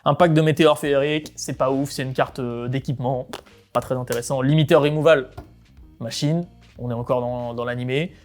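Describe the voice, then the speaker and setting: A man reviewing trading cards one by one in casual, informal commentary, giving quick snap verdicts. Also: mid-range voice, fairly even intonation, soft background music.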